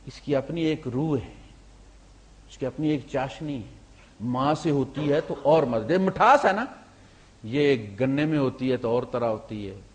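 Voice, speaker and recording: A man preaching a storytelling sermon, swinging between loud emphasis and quiet asides, with English words mixed into his talk. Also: mid-range voice. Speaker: Islamic preacher.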